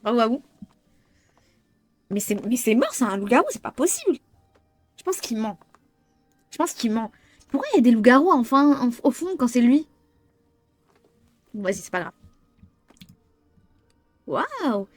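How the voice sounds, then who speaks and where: A young woman reading game dialogue aloud and reacting excitably, often swearing and restarting lines. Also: on the high side, moderate pace, pauses often, no echo, soft background music. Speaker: gamer. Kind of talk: playing a visual novel aloud.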